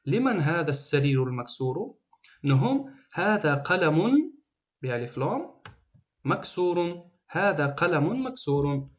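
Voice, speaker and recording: A man's voice: fairly high pitch, big pitch swings, long pauses. Tajik guy teaching arabic grammar, says every example twice then translates it, patient and explanatory. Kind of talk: recorded grammar lesson.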